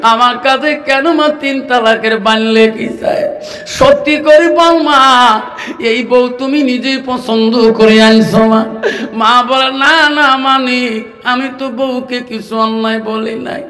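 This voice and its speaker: High-voiced man chanting a sermon. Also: steady tone, takes it slowly, pushed and bright, big-room sound. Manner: chanting, tearful storytelling that acts out each figure. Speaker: preacher. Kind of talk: sung sermon storytelling.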